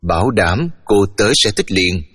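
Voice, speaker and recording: A cheerful, chatty local woman who welcomes a stranger, as a husky-voiced male reader puts her on. The voice is fairly low and echoes in a long reverb over faint music. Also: moderate pace. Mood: friendly. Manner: warm and chatty.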